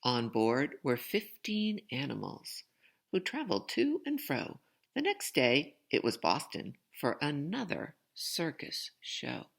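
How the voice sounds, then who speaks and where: Reading a children's story aloud, a woman uses a low, creaky voice with big pitch swings and swooping, expressive intonation. Now and then she pauses to make chatty asides to her young listeners.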